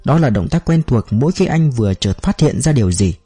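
A male audiobook narrator telling a novel in a steady manner. His pitch moves expressively and his tone is mellow. Faint music runs underneath. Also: fairly quick, slightly rough, no echo. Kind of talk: scripted narration.

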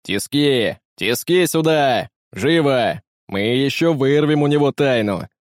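A man's voice: mid-range voice, expressive, normal speed, a little mellow, dry recording, natural voice. A ruthless pirate captain, put on by a man reading a storybook, barks his orders in a raised, hard voice. The sound is close and dry, with no room around it. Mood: shouting. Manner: barking orders, cold mockery. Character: cruel, commanding male pirate captain.

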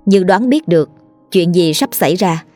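A woman tells a ghost story in a low, unhurried voice, lingering sorrowfully over the words. Faint music plays behind her. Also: expressive, mellow.

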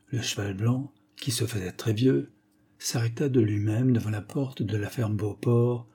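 A man calmly reading a short story aloud as narrator, in a measured way. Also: mid-range voice, husky.

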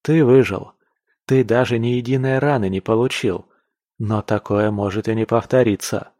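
A man reading an audiobook, voicing a cautious young man who speaks in a calm, measured, wry way. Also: fairly low pitch, dry recording, studio quality, close to an everyday voice. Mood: sober. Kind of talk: audiobook character voice.

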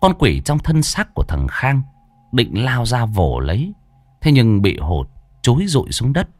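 A man narrating a ghost story in a dramatic, animated way. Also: medium pitch, a little slow.

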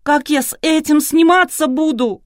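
A woman's voice: moderate pace, a little mellow, no echo, clean studio sound, close to an everyday voice. A woman voicing a hysterical, spoiled young bride who wails and whines. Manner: shrill, wailing, whiny.

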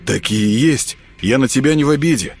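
A man voicing a stern male ghoul who speaks gruffly and firmly. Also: medium pitch, lively intonation, normal speed, darkish tone, pitched above the performer's own voice. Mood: determined. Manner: gruff, firm. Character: stern young male ghoul, grim and determined.

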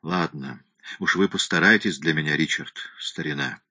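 A man's voice: very deep voice, moderate pace, bright, forceful tone, breathy edge, no room sound, pitched below the performer's own voice, exaggerated voice. A man voicing a gloomy, distressed male aristocrat pleading with his lawyer.

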